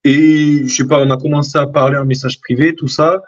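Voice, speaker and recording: A man joins a casual chat as a guest over a video call, his voice dull and lo-fi. It sits on the high side with little pitch movement and a slightly fast pace, and he speaks hesitantly with many fillers and restarts.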